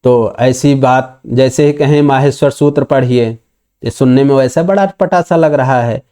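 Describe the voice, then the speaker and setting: A man teaching Sanskrit grammar in a patient lecture, slowly reciting the sutras and explaining them step by step. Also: mid-range voice, mellow. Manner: acts out a student's objection in dialect.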